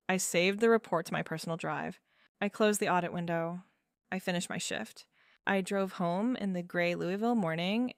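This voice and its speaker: Woman, 30s, first-person storyteller; smooth yet gravelly voice, measured and wry. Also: on the low side, no echo, clean studio sound. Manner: measured, wry, with fillers and small laughs. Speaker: narrator.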